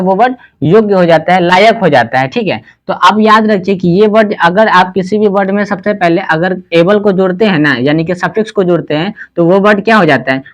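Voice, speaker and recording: A man teaching an English lesson in Hindi. He keeps asking the class questions and answering them himself, and he spells words out slowly, letter by letter. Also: high voice.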